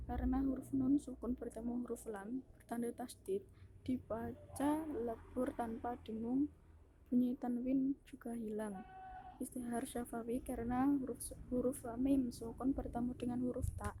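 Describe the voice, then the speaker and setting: A woman's voice: a little high, warm tone, a little hiss or hum. A young woman from Indonesia, a university student, giving a class presentation on Quran recitation rules and listing each rule step by step with care. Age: young adult. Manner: restarts words mid-sentence.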